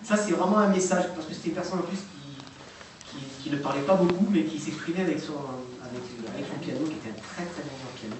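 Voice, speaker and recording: A man with a fairly high voice talks at a quick pace while presenting recordings to a live audience. His style is informal and hesitant, full of fillers and restarts, and the recording is noisy and echoey, with a distant mic.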